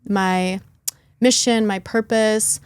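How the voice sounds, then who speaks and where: Brief: young adult woman, podcast guest, candid and chatty, medium pitch, dry close sound. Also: fairly even intonation, takes it slowly, clear, resonant tone, no room sound. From born in Lithuania, raised in Chicago. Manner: earnest, chatty, with light laughs and fillers. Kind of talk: candid personal storytelling.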